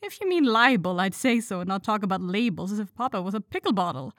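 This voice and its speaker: A woman's voice: medium pitch, animated, fast talker, a bit bright, no room sound, clean studio sound, natural voice. A woman doing blunt tomboy teen Jo. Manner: grumbling, outspoken. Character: bookish tomboyish teenage girl, blunt.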